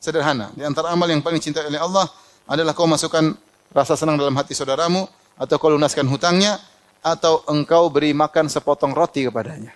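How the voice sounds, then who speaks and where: A middle-aged Islamic preacher delivers a sermon full of personal anecdotes, quoting Arabic and laughing often. His voice is a little high and steady in tone, and he speaks fast.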